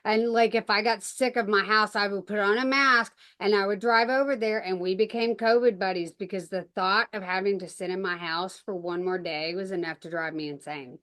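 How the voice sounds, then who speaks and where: A woman hosts a relaxed conversation in a casual, exclamatory manner and reacts quickly to her guest. Her voice sits in a middle pitch. The recording is dry and close, with no room sound. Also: dry recording. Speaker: podcast host and bookshop owner.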